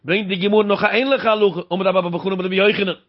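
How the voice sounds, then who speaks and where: A man's voice: high-pitched, fairly even intonation, very fast. A man works through a Talmud passage in a sing-song teaching cadence. He keeps posing rhetorical questions and answering them himself. The recording sounds dull and lo-fi. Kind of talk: Talmud study lecture.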